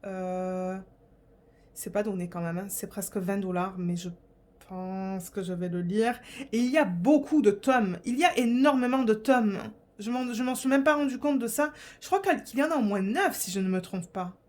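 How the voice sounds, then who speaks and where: A woman's voice: medium pitch, moderate pace, a little mellow. Chatty young woman vlogging casually. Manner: rambling, chatty, many fillers and restarts. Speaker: diamond painting vlogger. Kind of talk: casual chat to camera.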